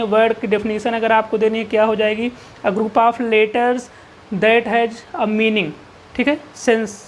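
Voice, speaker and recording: A woman's voice: a little high, slight background noise. A woman teaching an exam-prep English grammar lesson, asking rhetorical questions and answering them herself. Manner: repeats key terms, drills with "ठीक है". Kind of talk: exam-prep classroom lecture.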